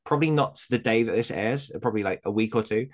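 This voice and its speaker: A man's voice: lowish voice, fast. A man co-hosting a podcast in casual, informal chat, often repeating words for emphasis. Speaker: podcast co-host.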